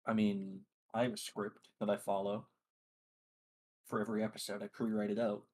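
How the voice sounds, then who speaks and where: A man's voice: fairly low pitch, normal speed. A young man co-hosting a podcast in casual, profane, teasing chat. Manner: joking, profane, deadpan teasing. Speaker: podcast co-host.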